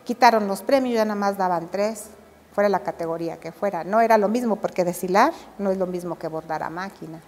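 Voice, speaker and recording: A Mexican woman, an older embroidery artisan, telling her memories in an interview with animated storytelling and acted-out dialogue. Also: medium pitch, a little fast, big-room sound. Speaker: embroidery and drawn-thread artisan. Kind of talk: reminiscing interview.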